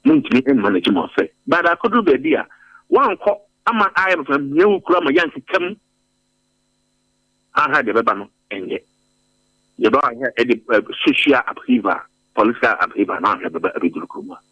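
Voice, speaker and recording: A man's voice: medium pitch, sing-song, a little fast, sharp tone, dry recording, lo-fi sound. A Ghanaian man giving emphatic commentary in a radio interview, repeating phrases for force. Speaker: interviewed policy analyst. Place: radio studio.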